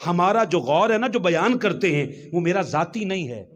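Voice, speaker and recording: Man, high voice, mosque friday sermon, dramatic shifts to shouting. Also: lively intonation. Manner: acts out quoted voices and rises to shouts. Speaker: preacher.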